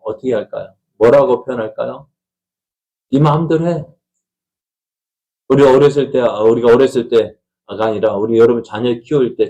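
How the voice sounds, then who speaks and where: Middle-aged male pastor, chatty sermon that keeps asking the congregation questions, average pitch. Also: dark tone, poor audio. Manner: asks the congregation questions, acts out family quarrels. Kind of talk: conversational Sunday sermon. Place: church sanctuary.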